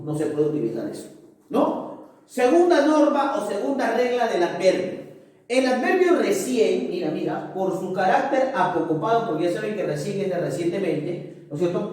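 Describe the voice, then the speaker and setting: A man's voice: sits high, darkish tone, distant mic. A male teacher giving a grammar lesson, checking in with his students after nearly every point. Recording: echoey room, voice off-mic.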